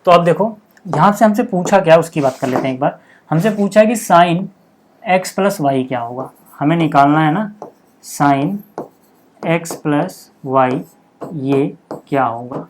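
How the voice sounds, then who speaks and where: A man's voice: a little high, expressive, a little hiss or hum. Man teaching maths step by step. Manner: checks in constantly with "okay", repeats key steps slowly. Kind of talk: explaining a maths lesson step by step.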